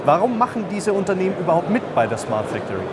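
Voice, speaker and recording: Young male reporter in a loud fair hall. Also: high-pitched, big pitch swings. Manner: asks questions briskly, with short agreeing interjections. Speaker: interviewer, trade fair reporter. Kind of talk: trade fair interview. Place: busy trade fair hall, indoors. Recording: very noisy trade fair hall. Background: loud crowd and fair noise.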